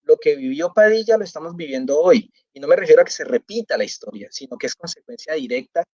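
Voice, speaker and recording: A man talks through his ideas slowly and reflectively, pausing on fillers as he hunts for the right word. His voice sits fairly high for a man. The audio is dry and a little dull, as if from a lo-fi online call. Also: lively intonation, mellow, dry recording. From Colombia. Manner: thoughtful, searching for words with frequent fillers. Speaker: novelist guest. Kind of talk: reflective festival interview.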